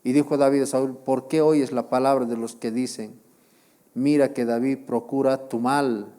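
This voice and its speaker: A man's voice: mid-range voice, fairly even intonation, moderate pace, warm tone. A male pastor preaching a sermon, with repeated phrases, rhetorical questions to the congregation and emphatic exclamations.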